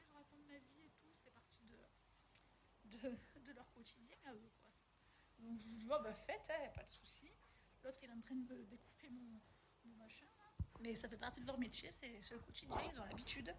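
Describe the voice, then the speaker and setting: A woman telling a personal story in a casual, chatty way, quoting others and laughing as she goes. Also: on the high side. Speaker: vlogger. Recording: noisy background.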